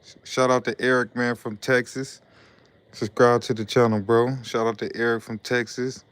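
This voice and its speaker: Hosting a laid-back live stream, a young man from Detroit, USA reads viewer comments aloud in a loose, repetitive manner. His smooth, clean voice holds a fairly flat, even pitch. He speaks at normal speed with no room sound.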